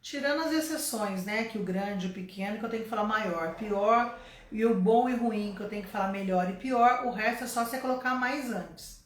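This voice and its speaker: A woman's voice: medium pitch, brisk, roomy sound, a little hiss or hum. A woman from Brazil teaching a casual online English lesson, explaining step by step and checking in with her listeners often.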